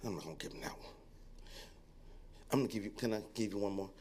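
A male pastor preaching a sermon in an animated, joking way, acting out onlookers' voices and then dropping to a quiet tone to exhort. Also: fast talker, crowd noise. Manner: drops to a low, quiet tone when reading and exhorting.

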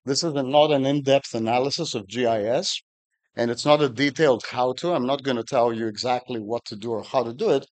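A middle-aged man from Greece, giving a technical conference talk at a podium with dry humor and frequent fillers. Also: medium pitch. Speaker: conference speaker.

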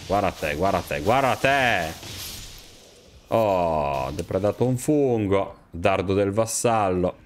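A streamer with a very low voice plays a video game in a small room at home, swearing his way through casual commentary. He talks slowly, and his manner is slangy, crude, and jokey. The webcam stream is clear, with steady background noise.

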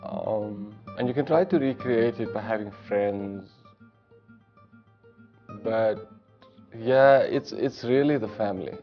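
In an indoor living room, a diplomat in his forties with a South African accent, whose first language is Afrikaans, reflects during an interview, caught on a lapel mic. His fairly low voice moves slowly with frequent pauses and many fillers as he tells stories in a warm, reflective way. The recording is muffled, with faint music in the background.

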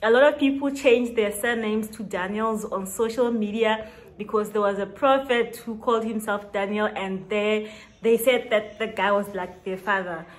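The recording is rough as this South African YouTuber in her late twenties talks casually in a get-to-know-me vlog from a small shelved room. She uses a mid-range voice with fairly even intonation at normal speed. Laughter comes often, and she lengthens words for emphasis.

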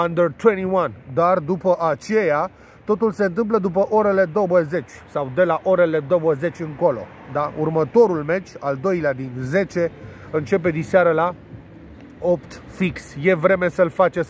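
Stuffed-up nasal guy doing betting tips outside, kinda high voice, faint traffic behind. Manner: rambling, crude, playful, with word games and swearing. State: congested with a cold. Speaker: sports betting tipster. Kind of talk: casual monologue presenting betting tips.

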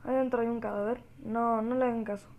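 A woman with a Rioplatense Spanish accent giving gameplay commentary, talking quietly and joking as she reacts to the game. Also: a little high, steady tone, fast. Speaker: gamer.

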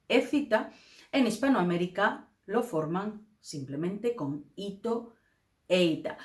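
A woman from Spain with a Spain accent, teaching a Spanish grammar lesson in a clear, careful way. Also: lowish voice, roomy sound.

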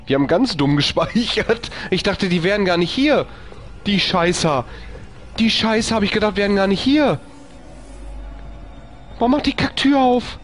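Excitable streamer dude, high voice that jumps all over, panicky, faint game music under it. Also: male voice, moderate pace, pauses often. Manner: panicky, swears and repeats phrases in bursts. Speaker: let's play streamer. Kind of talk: live gameplay commentary.

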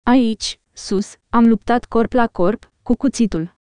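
A woman voicing a proud male elf archer in an audiobook, competitive and measured. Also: on the high side, mellow, clear, resonant tone, no echo, natural voice.

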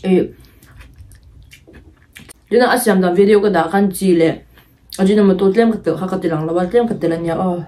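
A woman's voice: lowish voice, fast, pauses often, warm tone, slight background noise. Woman talking with her mouth full. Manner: mumbled, chewing between words. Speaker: mukbang vlogger. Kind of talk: casual eating vlog chat.

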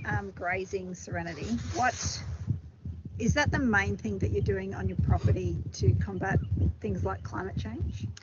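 A woman interviewer asking a farmer measured questions out on a farm. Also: mid-range voice. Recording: dull audio with clear background noise.

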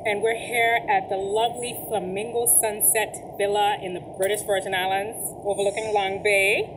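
A woman's voice: medium pitch, level tone, moderate pace, background noise. A woman hosting a casual talk show, enthusiastic and repeating words for emphasis. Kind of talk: casual chat, presenting.

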